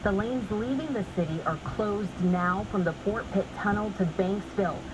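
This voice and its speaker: A woman's voice: medium pitch, moderate pace, background noise. A woman reading scripted news as an anchor, re-recorded from a television in a room.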